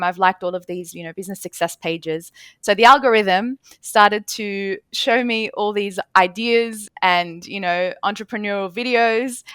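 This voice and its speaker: A woman's voice: medium pitch, fairly bright tone, smooth, no room sound. Earnest young woman, dry close sound. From Australia (born in Lebanon). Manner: earnest, fluent, many "you know" fillers. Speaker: guest, lawyer and Airbnb host. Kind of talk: podcast interview, telling her story.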